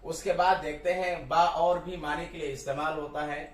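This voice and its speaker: A man's voice: a little high, steady tone, moderate pace. A man with an Urdu accent teaching a grammar lesson, explaining step by step and repeating each example with its translation. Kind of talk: classroom-style grammar lesson. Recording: echoey room, mic at a distance.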